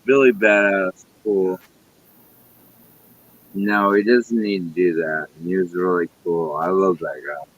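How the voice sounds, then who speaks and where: A man's voice: low-pitched, fairly even intonation, slow pace, pauses often, a little hiss or hum, low-quality recording. A man chatting on a friend's live stream, swearing and rambling agitatedly. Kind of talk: casual live-stream chat.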